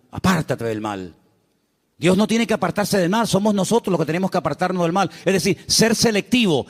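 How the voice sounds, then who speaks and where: A pastor preaches from the pulpit with a high, ringing voice. He delivers his sermon emphatically, using rhetorical questions and bits of humor. A long church reverb hangs behind every phrase.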